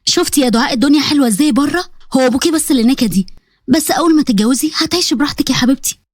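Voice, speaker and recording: A woman's voice: high-pitched, lively intonation, rapid-fire, dry recording, clean studio sound. A woman voicing a protective middle-aged mother with an Egyptian accent, teasing and comforting. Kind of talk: storybook voice acting.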